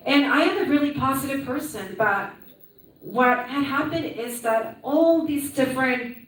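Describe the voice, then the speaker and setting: In an echoey conference hall recorded from afar, a Peruvian woman in her thirties relates her story with upbeat chattiness and repeated "right?" tags. Her voice is high-pitched and a bit bright, her delivery unhurried, with a little hiss or hum.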